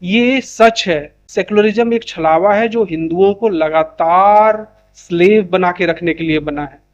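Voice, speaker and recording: A man's voice: high-pitched, a little slow, dull audio. A man giving an opinion monologue to camera, insistent and full of rhetorical questions. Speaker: YouTube commentator.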